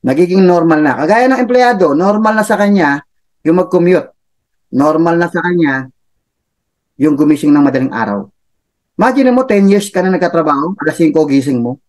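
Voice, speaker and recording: A man's voice: a little high, expressive, brisk, darkish tone. A man giving a chatty motivational talk, laughing often and tossing in tag questions. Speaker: motivational speaker for a business club.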